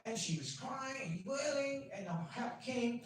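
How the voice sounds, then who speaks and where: A man's voice: very high-pitched, takes it slowly. Echoey far-off man telling a story. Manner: animated, acts out voices, drops quiet for key points. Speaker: doctor. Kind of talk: storytelling talk. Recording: echoey, distant, faint hum.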